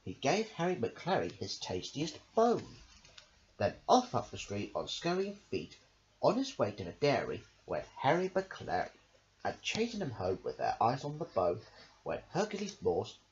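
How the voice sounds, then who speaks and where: With a medium-pitched voice that swoops wildly, a man reads rhyming children's stories at a measured pace. He's an amateur storybook reader whose delivery is a rhythmic sing-song that stretches the close of each phrase. A dull lo-fi recording with faint noise captures it.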